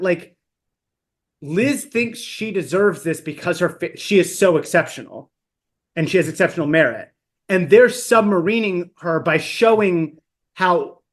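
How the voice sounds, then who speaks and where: A podcast co-host in a casual book discussion, thinking aloud and reflecting on the characters. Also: medium pitch.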